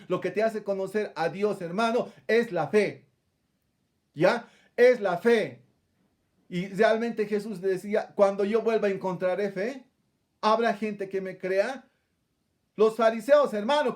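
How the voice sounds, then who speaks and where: A man delivers a sermon in a noticeably high voice. He retells a scripture passage, addresses his listeners as brother again and again, and leans on rhetorical questions to press his point. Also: a little mellow. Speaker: preacher.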